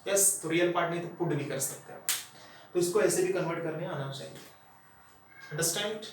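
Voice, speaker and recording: High-voiced teacher in an echoey room. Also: male voice, a little fast, far from the mic, noisy background. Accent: Indian. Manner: mixes Hindi and English, asks the class questions. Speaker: math teacher. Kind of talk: classroom math lecture.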